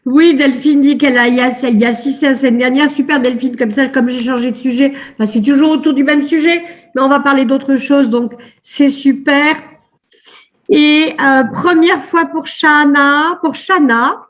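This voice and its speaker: A woman with a high voice running a live online coaching session over a video call. She sounds upbeat and chatty, keeps repeating little words of praise, and fills her pauses with casual hesitations. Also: fairly even intonation. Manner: chatty with many fillers. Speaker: life coach.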